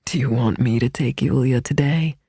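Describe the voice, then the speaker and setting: A man doing a gravelly, murmuring sleepy husband. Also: medium pitch, moderate pace, dry recording, studio quality. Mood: gentle. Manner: soft murmuring. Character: gentle sleepy husband in bed.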